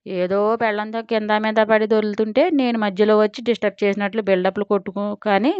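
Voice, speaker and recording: A woman voicing a sassy, bossy inner conscience who scolds and commands, with smooth, slightly dull dry audio. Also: mid-range voice, fairly even intonation, fairly quick, a little mellow, dry recording, natural voice.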